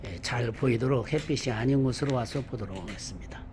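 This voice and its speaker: A man giving an unscripted hands-on car maintenance demonstration, explaining step by step in a halting, repetitive way. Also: medium pitch. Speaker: presenter of a car maintenance how-to video. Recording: amateur recording with background ambient noise.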